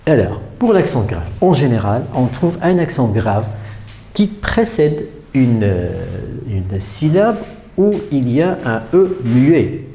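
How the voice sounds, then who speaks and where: Man, primary teacher, remote spelling lesson, patient, step by step, hesitant fillers, lively pitch. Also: slow. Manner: patient, explains step by step with examples, repeats key rules.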